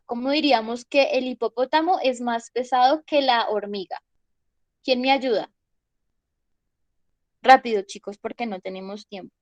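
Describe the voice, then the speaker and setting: High-pitched lady teacher going slow through grammar, keeps asking "right?", dry close sound. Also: no room sound. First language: Spanish. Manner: patient, checks understanding with frequent "¿sí?" and "¿bien?". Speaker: English teacher. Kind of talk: online class explanation.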